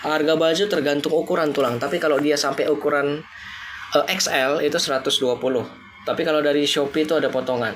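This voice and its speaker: A man's voice: a little high, a bit bright, a little hiss or hum. Chatty man. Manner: chatty, loose, mixing in English thanks. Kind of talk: casual live-stream chat.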